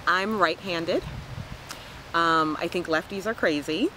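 Speaking slowly in a lowish voice, a vlogger in her forties from around Washington, D.C. talks casually to camera outdoors on a lawn near trees. She's playful, laughs a lot and pokes fun at herself, while the close-range camera mic yields poor audio with slight background noise.

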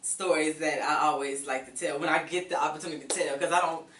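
A woman hosting a radio interview, chatty and quick to laugh as she tells stories. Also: low-pitched, fairly even intonation, fairly bright tone, far from the mic. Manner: chatty, laughs often, storytelling. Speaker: radio show host. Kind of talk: casual interview chat. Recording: echoey room, voice off-mic, faint noise.

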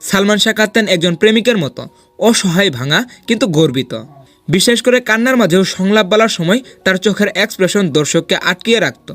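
Quick, high-voiced male countdown narrator. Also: expressive, fairly bright tone, soft background music. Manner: dramatic, persuasive countdown delivery. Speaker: host of a film ranking video. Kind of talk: scripted voice-over narration.

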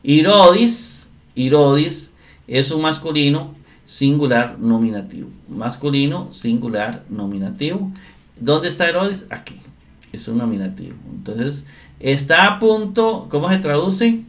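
A man teaching Greek grammar in a slow, step-by-step screen-share lesson, often checking in with his listeners. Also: a little high, sing-song. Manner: slow, deliberate, often asks "¿verdad?".

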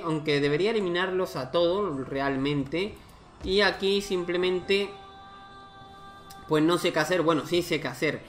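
Playing a strategy game, a male YouTuber thinks out loud and lets out exclamations in relaxed let's-play narration. His voice sits a little high with a fairly bright tone.

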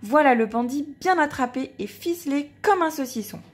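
A woman reading a children's storybook aloud. Her voice sits a little high and swings widely in pitch, playful and animated like a storyteller. She tells it expressively, speaking straight to a young listener. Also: normal speed, slight background noise. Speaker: storybook reader. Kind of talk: expressive read-aloud narration.

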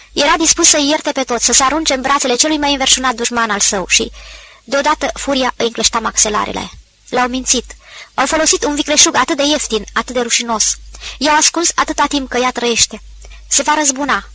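A woman narrating an audiobook in a steady, expressive storytelling manner. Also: a little high, creaky, low-quality recording.

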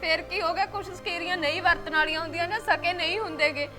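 Woman as upset daughter begging her mom to stop, very high voice, music clear underneath. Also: quick pace. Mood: pleading. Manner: pleading, then defiant. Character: hurt grown daughter defending her father.

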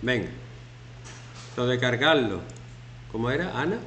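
A man's voice: medium pitch, unhurried. A man in his fifties, a teacher, talking casually and jokingly to his students while working through a class activity. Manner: chatty, joking, lively, acts out shouting examples. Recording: echoey classroom, faint background noise.

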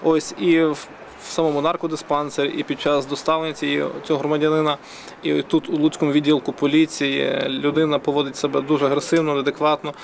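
A man, a police officer, giving a measured formal statement with many hesitations. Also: fairly high pitch, little pitch movement, creaky. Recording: outdoor street noise, traffic.

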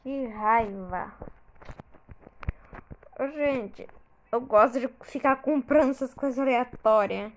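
A woman with a Brazilian Portuguese accent talks through her gameplay in a high voice. She speaks at an unhurried pace and breaks into frequent exclamations and frustrated outbursts as she plays. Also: low-quality recording. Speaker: gamer. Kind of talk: casual gameplay commentary.

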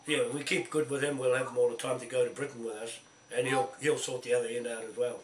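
On a casual phone call over speakerphone, a hoarse older man from New Zealand who keeps coughing organises a group, repeating himself confidently and restarting often. He talks fast in a mid-range voice with little pitch movement. The camera sits across a cluttered room, giving a roomy, distant sound with faint noise.

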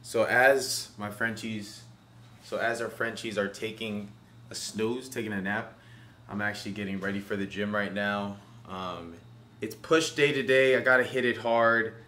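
A young man raised in Los Angeles, chatting casually in a vlog with a relaxed, rambling manner full of fillers. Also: on the low side, measured pace. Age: young adult. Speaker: vlogger, aspiring fitness coach. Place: living room indoors. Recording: roomy and distant with music.

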